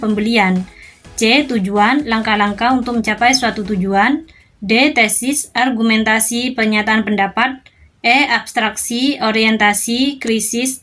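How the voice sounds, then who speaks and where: Woman reading exam questions aloud. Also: a little high. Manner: steady, methodical dictation of options and answers.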